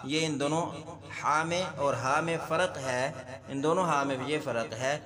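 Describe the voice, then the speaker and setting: A man teaching Quran recitation word by word, repeating each sound slowly and drawn out for the learner. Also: fairly high pitch, in a large hall, a crowd in the background. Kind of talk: slow word-by-word recitation lesson.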